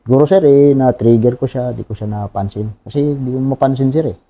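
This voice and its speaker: A Filipino man in his thirties, a soldier who tells his war story in an interview. His voice is very dark and mellow at an ordinary middle pitch. He speaks haltingly and often tacks on a respectful "sir". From Philippines. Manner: plain and halting, often adds a polite "sir". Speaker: wounded soldier, interview guest.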